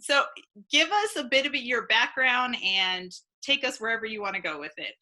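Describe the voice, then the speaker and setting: A woman's voice: a little high, animated, moderate pace, pushed and bright. A woman hosting a casual live interview, chatty and friendly, laughing often. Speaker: host.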